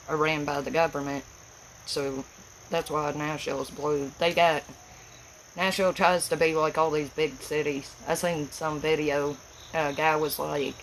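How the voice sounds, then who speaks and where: On a livestream, a host from Tennessee in the United States chats casually with a folksy Appalachian accent. Her low-pitched voice is gravelly with lots of fry, and her talk is plain, rambling, and rural. The audio is poor, with faint noise behind her.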